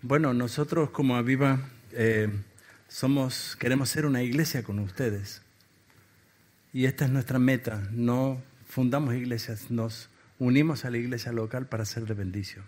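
Argentine man, guest preacher, short phrases with pauses to be translated, mid-pitched. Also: fairly even intonation, a little mellow. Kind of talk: sermon.

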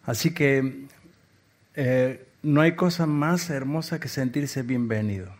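Argentine preacher speaking in short bursts. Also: male voice, mid-range voice. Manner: speaking in short phrases with pauses for an interpreter. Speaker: guest preacher. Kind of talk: sermon.

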